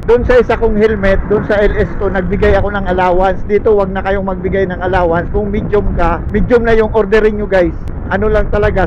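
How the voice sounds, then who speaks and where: A man talking from inside a helmet, giving a chatty, jokey motovlog review of it. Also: sits high. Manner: chatty, jokey, keeps saying guys. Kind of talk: casual vlog review. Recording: dull muffled sound with faint noise.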